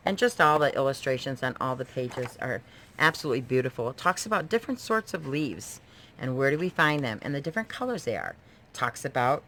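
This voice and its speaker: Speaking in an extremely low but slightly bright voice, a woman shows off books as a homeschooling mother in a noisy home video. Her casual review is enthusiastic and explanatory in tone.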